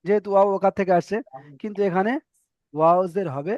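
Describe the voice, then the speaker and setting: A man teaching an online reading class, slowly drilling letter sounds and repeating syllables for his students. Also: sits high, steady tone, no room sound, highs cut off. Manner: slow, repetitive drilling of syllables with pauses.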